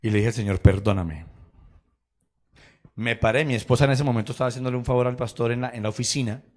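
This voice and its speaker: Man preaching with lively stories. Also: medium pitch, racing. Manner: storytelling with acted quotes and laughter. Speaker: pastor. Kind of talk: sermon. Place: church.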